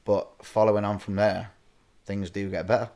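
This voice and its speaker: A man's voice: fairly low pitch, flat delivery, moderate pace, mellow. A man hosting a podcast, chatting casually with blunt, sweary, mocking banter. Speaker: podcast host.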